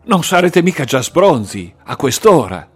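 A man reading an audiobook voices a brash young man out drinking, loud and crude. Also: medium pitch, big pitch swings, normal speed, pitched above the performer's own voice. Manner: loud, shouting, crude jokes.

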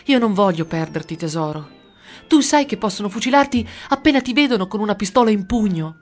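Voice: medium pitch, lively intonation, fairly quick, pitched above the performer's own voice, lightly acted. A reader voicing an anxious, protective middle-aged mother who turns tart, over music. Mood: pleading. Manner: pleading, then acid. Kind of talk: audiobook character reading.

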